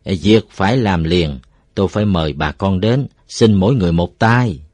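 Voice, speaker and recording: A man voicing a cheerful, crafty middle-aged village farmer who talks loudly and playfully in a dry, close recording. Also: sits low, moderate pace, dry recording. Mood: polite loud. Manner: loud, playful, shouting to the village.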